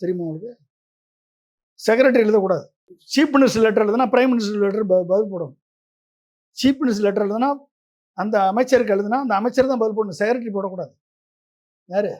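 Combative high-voiced male interview guest. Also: a little mellow. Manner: combative, fires rhetorical questions. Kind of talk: political interview.

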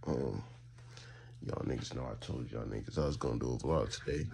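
An eighteen-year-old Texan guy rambles casually to his viewers in a college vlog, filming on a phone camera held at arm's length or propped up in a small bedroom and bathroom. His voice is extremely low, brisk and gravelly with a darkish tone, and there's a little hiss or hum. He's a college student vlogger and streamer, slangy and full of fillers, talking straight to chat.

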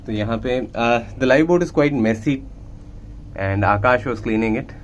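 A man's voice: mid-range voice, fast talker, a little hiss or hum. Man giving a phone-filmed vlog tour. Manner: explains plainly, mixing Hindi and English. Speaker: merchant navy officer vlogger. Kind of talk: casual guided tour vlog. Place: inside a ship's lifeboat. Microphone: handheld phone.

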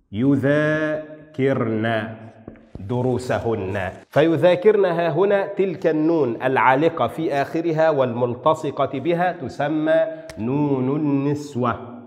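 A man's voice: medium pitch, long reverb tail. A man teaching a lesson on writing rules, asking his own questions and answering them, drawing out the example words with strong emphasis. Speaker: Arabic writing instructor.

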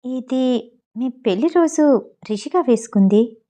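A woman's voice: fairly high pitch, animated, slow, warm tone. A woman voicing a frightened but defiant young pregnant woman who speaks firmly. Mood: recalling.

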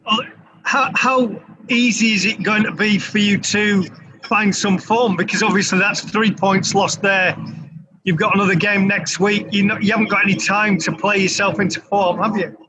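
A man's voice: high voice, fairly even intonation, moderate pace, sharp tone, slight background noise, poor audio. A male reporter asking a pressing, direct question at a press conference.

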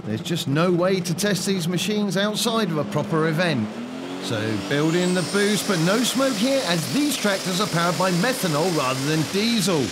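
A man commentating as a tractor pull announcer, with loud engine noise behind him. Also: high voice, lively intonation, moderate pace.

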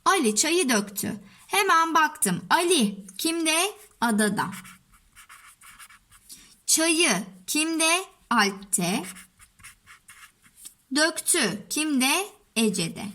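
Woman, primary teacher, patient word-by-word explaining, animated pitch, bright tone. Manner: slow and patient, stressing each word to children. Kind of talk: first-grade lesson explaining a workbook.

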